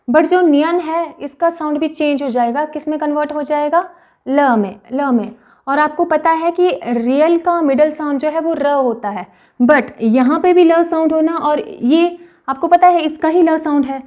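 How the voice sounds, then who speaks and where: High-pitched woman teaching Korean patiently. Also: warm tone. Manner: patient, repeats practice words slowly, frequent "okay". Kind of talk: explanatory online lesson.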